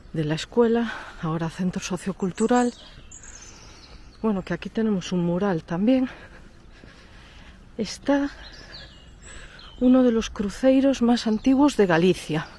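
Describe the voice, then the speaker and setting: A woman from hosts a walking travel vlog outdoors. Her nasal voice is congested from a cold, and she sits at a mid pitch. She points things out in a chatty way over a faint background hiss. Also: warm tone. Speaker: travel vlogger, host. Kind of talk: casual guided tour. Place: outdoors in a village.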